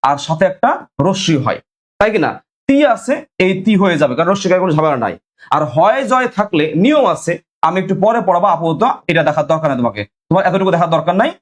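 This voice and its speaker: Young male tutor, quick-fire drilling style, high-pitched. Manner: drills students with repeated questions; asks viewers to comment. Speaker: teacher. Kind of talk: online exam-prep lesson.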